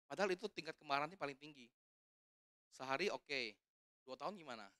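Man, evangelist, chatty joking sermon, dry close sound, crisp voice. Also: fairly high pitch, expressive, fast, sharp tone, no room sound. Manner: casual and joking, quizzes the congregation. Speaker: evangelist preaching. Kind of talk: conversational sermon. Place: church service.

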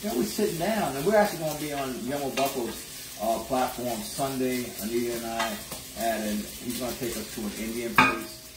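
A middle-aged man talks relaxed and joking while he cooks. A phone camera across his home kitchen picks him up with a roomy echo, and loud frying and sizzling run underneath. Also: medium pitch, normal speed, distant mic, background noise. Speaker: home cook and show host. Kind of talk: casual cooking livestream chat. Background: frying and stirring sounds.

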